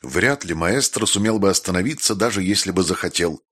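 A man's voice: deep voice, expressive, a little fast, fairly bright tone. A man narrating an audiobook, reading the prose and acting out the characters' voices. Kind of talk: scripted narration.

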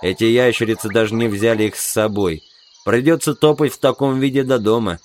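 A man's voice: medium pitch, a little fast, darkish tone, slight background noise, close to an everyday voice. A man voicing a burly, practical infantry sergeant who talks matter-of-factly. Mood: plain.

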